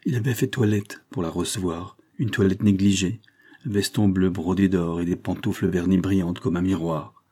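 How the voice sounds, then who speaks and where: A man reading a classic novel aloud as narrator, in a measured, even storytelling manner. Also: low-pitched, breathy edge. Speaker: audiobook narrator.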